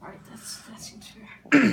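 Speaking slowly in a slightly bright voice, this vlog host chats casually through a challenge video, tossing in slangy, muttered asides. The home recording is very noisy.

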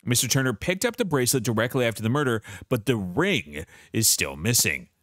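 A man's voice: medium pitch, very animated, a little fast, a bit bright, no room sound, studio quality. A man streaming a detective game live, thinking aloud about clues with frequent restarts.

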